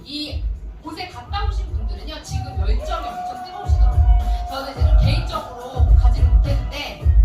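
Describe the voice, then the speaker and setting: Animated woman lecturing in an echoey hall. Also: extremely high pitch, highs cut off. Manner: animated, addresses audience directly with questions. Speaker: business seminar speaker. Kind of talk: motivational sales lecture. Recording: echoey hall from far off with music.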